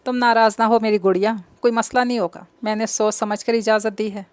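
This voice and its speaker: A woman reading the part of a gentle older father in an audio novel, reassuring his daughter. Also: fairly high pitch, fairly even intonation, brisk, no echo, close to an everyday voice.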